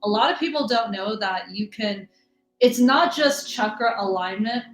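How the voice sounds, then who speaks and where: A woman's voice: mid-range voice, normal speed. Chatty woman live-stream host, rambling and greeting viewers, in an echoey room. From US Midwest. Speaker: livestream host, energy reader. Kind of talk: casual live-stream chat. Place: home room in Texas. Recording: echoey room, faint music.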